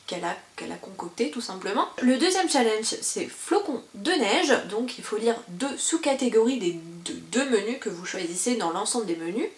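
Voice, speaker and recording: A woman's voice: on the high side, expressive, normal speed, hardly any pauses, echoey room. A young woman presenting books in a casual vlog from her parents' living room, talking in a chatty way with many fillers and restarts. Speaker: book vlogger. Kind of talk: casual book presentation to camera.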